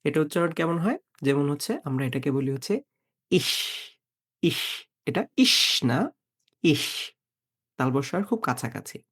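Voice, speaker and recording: A man teaching a beginner German lesson, patiently explaining and slowly repeating example words. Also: on the high side, lively intonation, fairly bright tone.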